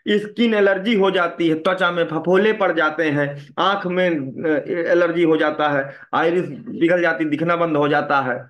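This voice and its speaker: A man's voice: on the high side, steady tone, moderate pace, hardly any pauses, a bit bright. A man teaching a classroom lecture, often asking students questions and repeating a tag after his points. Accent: Hindi.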